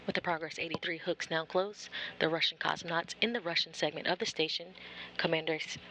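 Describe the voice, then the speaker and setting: A mission control commentator giving measured, formal live coverage of a spacecraft operation. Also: medium pitch, fairly even intonation, sharp tone, poor audio. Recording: faint background noise.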